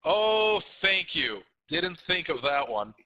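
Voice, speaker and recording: A man's voice: on the high side, big pitch swings, takes it slowly, sharp tone, slight background noise. A man on a podcast whose voice sounds muffled and lo-fi, as if on speakerphone, as he checks his connection. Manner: puzzled, fiddling with his audio settings. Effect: muffled voice sounding like it comes over a speakerphone. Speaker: podcast co-host. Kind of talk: casual chat. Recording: muffled lo-fi online voice chat.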